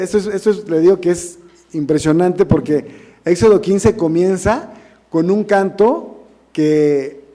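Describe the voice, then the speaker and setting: Earnest Mexican preacher, mellow voice. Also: male voice, high voice. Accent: Mexican Spanish. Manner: earnest, conversational preaching with rhetorical questions. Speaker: minister. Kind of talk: sermon.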